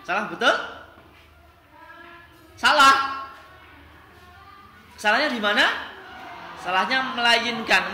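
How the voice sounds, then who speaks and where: A man teaching a classroom lesson on Quran recitation, drilling the class with quick questions. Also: high-pitched, pushed and bright. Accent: Indonesian. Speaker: religious studies teacher. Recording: echoey classroom.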